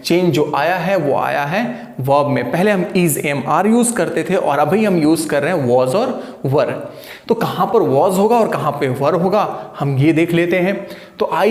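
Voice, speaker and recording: A man teaches a video lesson with a slightly high voice. He talks in a chatty, coaxing way and keeps checking on his students. The sound carries a noticeable room echo. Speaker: English teacher.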